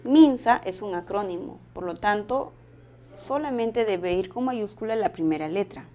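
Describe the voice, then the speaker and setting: A woman's voice: medium pitch, lively intonation, normal speed, mellow. Woman methodically explaining exam questions. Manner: methodical, reads each question then explains. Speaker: teacher. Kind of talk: exam exercise walkthrough.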